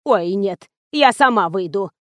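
A woman voicing a frail, fussy, half-deaf old actress with a slow, quavering voice in an audiobook. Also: mid-range voice, expressive, no room sound, studio quality, natural voice. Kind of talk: audiobook character reading.

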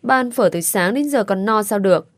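A woman's voice: mid-range voice, expressive, normal speed, dry recording, lightly acted. A playful young daughter who teases, pleads and sulks, as a woman reads her in a storybook. The delivery is cheeky and coaxing, and it sounds dry and close to the mic.

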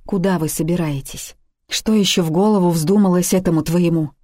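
A woman's voice: fairly low pitch, a little fast, mellow, dry recording, clean studio sound, natural voice. A woman reading the part of an aging, worried mother who speaks curtly and reproachfully in a story. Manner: curt and reproachful, then sobbing laments.

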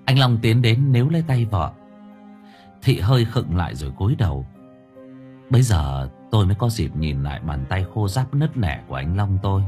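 A man narrating a story in the first person, lively and expressive. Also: low voice, moderate pace, faint music behind.

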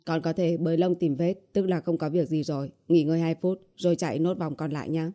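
A calm, patient young man, read by a woman in an audiobook. Firm and gently teasing, with a low, dark, mellow voice. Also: a little fast, close to an everyday voice. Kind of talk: audiobook character voice.

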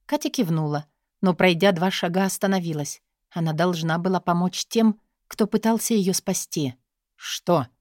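A woman narrating an audiobook in an expressive, steady storytelling manner. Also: fairly low pitch, normal speed, no room sound, clean studio sound. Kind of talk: scripted narration.

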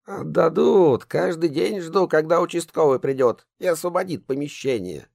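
A man reading an audiobook, voicing a nervous, secretive middle-aged son who speaks in a resigned, hushed way. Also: on the high side, lively intonation, normal speed, vocal fry, dry recording, clean studio sound, voice pushed up.

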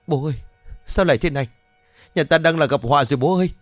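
A man's voice: medium pitch, expressive, fairly quick, no echo, studio quality, soft background music, pitched above the performer's own voice, natural voice. A man voicing a young son who pleads tearfully over his father's illness in a story. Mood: distraught.

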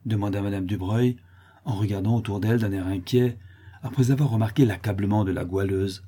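Male audiobook reader, husky, dark, expressive. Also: lowish voice, fairly quick. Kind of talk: scripted narration.

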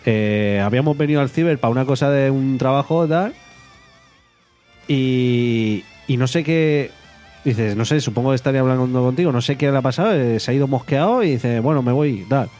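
Man, casual storytelling, mid pitch, faint guitar music. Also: moderate pace. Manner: animated, laughing, shrill acted quotes. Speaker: podcast co-host.

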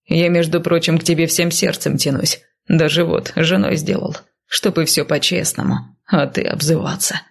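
Audiobook: woman doing a brash, teasing nobleman, hushed and smirking, gravelly and husky. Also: low voice, fairly even intonation, moderate pace, hardly any pauses.

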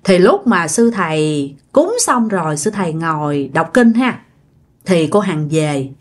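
A woman's voice: low voice, big pitch swings, measured pace. A woman, a channel host telling ghost stories in a chatty, casual way, addressing her listeners directly. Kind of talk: casual spoken storytelling.

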